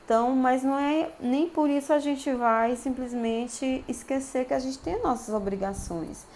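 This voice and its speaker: A woman's voice: sits high, normal speed, darkish tone, a little hiss or hum. A woman with a Brazilian Portuguese accent, a university lecturer recording a video for her students. Her voice is worn by a cold, and she speaks in an encouraging way, often checking in with her listeners. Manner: encouraging, keeps checking in with "tá bom?".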